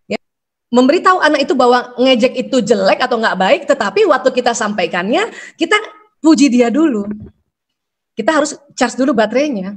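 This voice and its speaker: A middle-aged woman lectures on parenting in a fairly high voice. She keeps asking her audience questions, tags her points with a quick "ya", and slips into short acted-out lines of parents and children. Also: fairly bright tone. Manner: rhetorical questions, frequent "ya". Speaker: parenting seminar speaker.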